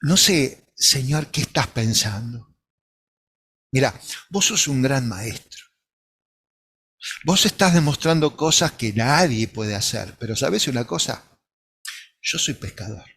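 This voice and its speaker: A man's voice: mid-range voice, lively intonation, slow, long pauses, fairly bright tone, slightly rough, heavily acted. A man preacher voicing the apostle Peter as a proud, self-sure grown fisherman who boasts about his trade. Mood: stubborn.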